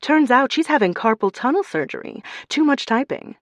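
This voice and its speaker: A woman narrator voicing a lively, pushy female friend, raising her voice high and loud. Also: normal speed, no echo. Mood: eager.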